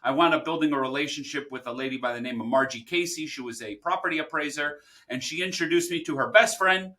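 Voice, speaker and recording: A middle-aged man from the United States, his voice bright and forward. He is a guest on an interview podcast and tells his story with energy, slipping into the voices of the people he quotes. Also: fairly high pitch, quick pace. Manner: animated storyteller who acts out quoted people. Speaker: podcast guest, title company founder.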